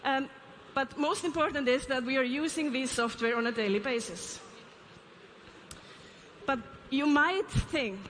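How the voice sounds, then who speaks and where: This Icelandic woman, a CEO giving a keynote, has a high-pitched, fairly bright voice and questions the audience between light asides. She's on a large conference stage; the recording carries a little hiss or hum, hall reverberation and faint ambience.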